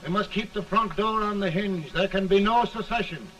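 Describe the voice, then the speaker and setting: A man's voice: sits high, bright, forceful tone. A folksy frontier statesman, early talkie. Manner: slow, earnest and folksy. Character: humble, plainspoken frontier lawyer turned statesman. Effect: early talkie film sound. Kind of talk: 1930s film acting. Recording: distant, hissy early film soundtrack.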